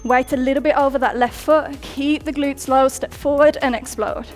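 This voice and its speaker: Leading a workout over quiet music, a young female fitness instructor counts down sets and talks through reps with upbeat coaching. Her slightly high, somewhat mellow voice holds a steady tone at a moderate pace, with occasional breathlessness.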